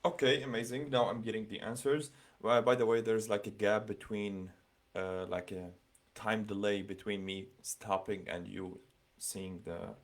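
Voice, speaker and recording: A man's voice: lowish voice, fairly even intonation, a little slow. Chatty man reading comments on a livestream. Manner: chatty, many fillers, reads comments aloud and reacts. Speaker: livestream host giving scholarship interview advice. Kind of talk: casual livestream talk reading viewer comments.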